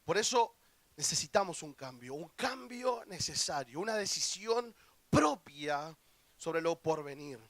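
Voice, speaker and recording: A young man with a Rioplatense Spanish accent preaching a lively youth camp sermon, acting out quoted voices and joking with the audience. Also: a little high, a little slow, dry recording. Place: church hall.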